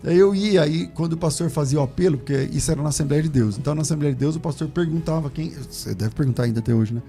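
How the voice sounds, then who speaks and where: A man, a pastor, telling his conversion story in casual chat, animated and laughing as he acts out the voices of others. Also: fairly high pitch, very fast, faint music behind.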